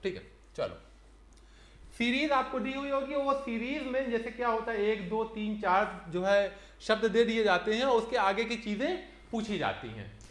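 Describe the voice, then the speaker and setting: A man's voice: high voice, animated, moderate pace, a bit bright, roomy sound. A man teaching an online exam-prep reasoning lecture, explaining step by step and counting aloud.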